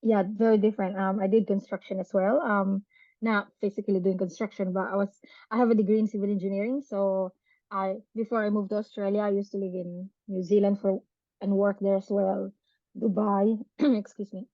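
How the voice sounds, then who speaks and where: A chatty, animated woman, a podcast guest who laughs often and adds tag questions. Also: mid-range voice, a little fast, no room sound, highs cut off. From Philippines. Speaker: podcast guest, business owner. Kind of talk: casual interview chat.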